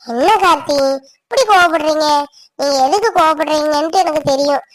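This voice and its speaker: A woman voicing a timid young female college student in an animated village drama, with a gentle, apologetic, girlish manner. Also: high-pitched, a little fast. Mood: pleading. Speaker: cartoon voice actor.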